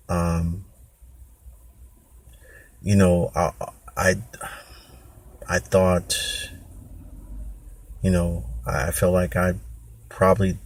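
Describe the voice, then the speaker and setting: A man hosting a podcast, telling a candid personal story in a rambling way, often acting out what people said. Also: low voice. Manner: rambling, candid, with restarts and quoted voices. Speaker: podcast host.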